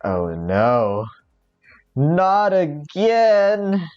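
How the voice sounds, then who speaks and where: A man's voice: on the high side, big pitch swings, extremely slow, a little mellow, lo-fi sound, soft background music, voice pushed up, full character voice. A man voicing an earnest, determined young anime protagonist who reasons aloud dramatically in an amateur visual novel role-play. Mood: dismayed.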